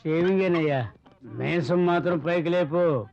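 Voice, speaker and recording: A man's voice: fairly high pitch, measured pace, darkish tone, muffled recording, soft background music. An actor playing a boastful, vain man who swaggers and brags about his moustache. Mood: swaggering.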